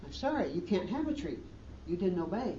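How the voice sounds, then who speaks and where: A man voicing a calm, firm woman teacher in a sermon story, recorded from a distance in a roomy hall. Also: high voice, fairly quick, muffled recording, slight background noise.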